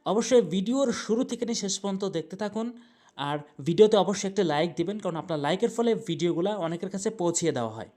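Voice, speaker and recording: A woman teaching Quran recitation. She chants verses slowly and drawn out, then explains pronunciation and repeats words to correct them. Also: mid-range voice, warm tone. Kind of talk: recitation lesson.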